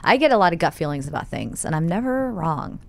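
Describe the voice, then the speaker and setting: A woman's voice: fairly low pitch, sing-song, brisk, vocal fry. A woman, a doctor, chatting as a talk show guest in a confident, self-assured way. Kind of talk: casual interview chat.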